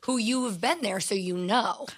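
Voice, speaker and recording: A woman's voice: medium pitch, normal speed, breathy edge. A woman guesting on a podcast in casual chat, loose and hesitant with many fillers. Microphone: podcast microphone.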